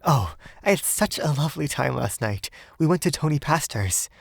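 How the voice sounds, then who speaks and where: A man's voice: fairly high pitch, expressive, moderate pace, gravelly, husky, no room sound, studio quality, pitched above the performer's own voice, exaggerated voice. A man voicing a cheerful young woman, an artist's model, chattering merrily in an audiobook. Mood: chatty, delighted. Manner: merry, chattering. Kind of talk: audiobook character voice.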